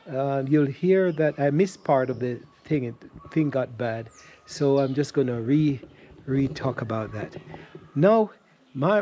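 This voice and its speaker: A man vlogging on his travels, telling a long story with restarts and animated quoted dialogue. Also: mid-range voice, slight background noise, poor audio. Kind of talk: casual storytelling to camera.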